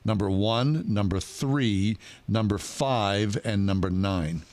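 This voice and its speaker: A man co-hosting casual radio talk, reading out items with deliberate emphasis. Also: fairly low pitch, a little mellow, no room sound. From Pittsburgh area, USA. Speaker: radio co-host.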